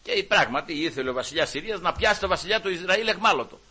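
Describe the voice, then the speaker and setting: Fervent high-pitched male preacher. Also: breathy edge. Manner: fervent, animated, retells scripture with quoted dialogue. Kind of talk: sermon.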